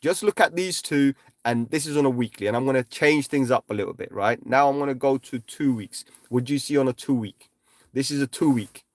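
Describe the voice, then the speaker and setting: A man at a middle pitch hosts a casual livestream chart walkthrough. He talks emphatically, in quick bursts broken by slower stressed points, and tags nearly every thought with "right?". The sound is dry and close, with no room around it. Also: no echo. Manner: emphatic, repeats "right?" constantly. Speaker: crypto chart analyst livestreaming.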